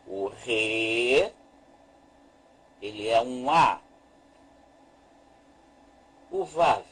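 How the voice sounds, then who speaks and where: A man teaching a slow, deliberate lesson as a Hebrew teacher, repeating each point and walking through a chart on screen. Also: medium pitch, breathy edge, low-quality recording.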